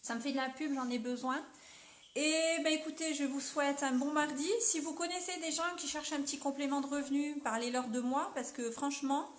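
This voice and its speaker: A woman's voice: high voice, steady tone, a little fast, reverberant. A young French woman chatting casually as she sells makeup on a live stream, upbeat and full of fillers.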